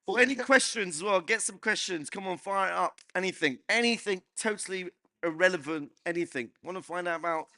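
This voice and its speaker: A man's voice: high-pitched, brisk, bright, forceful tone, no echo. A man hosting a casual panel Q&A, bantering, laughing often and prodding the guests for questions. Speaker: host. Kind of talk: lively panel Q&A chat.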